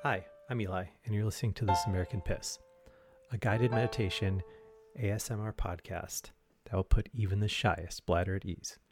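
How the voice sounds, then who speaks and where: A man hosting a parody meditation podcast, narrating a story in a soft, soothing, mock-serious way. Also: fairly low pitch, fairly even intonation, normal speed, music in the background.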